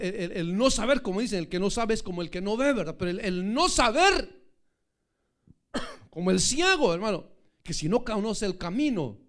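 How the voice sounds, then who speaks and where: A man preaching a sermon as pastor, animated and acting out scenes with sudden shouts. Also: sits high.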